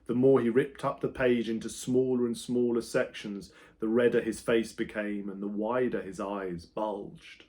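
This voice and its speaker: A man reads his own children's book aloud as an expressive storyteller, using dramatic emphasis that swings between loud and hushed. His voice is lowish and his pace moderate.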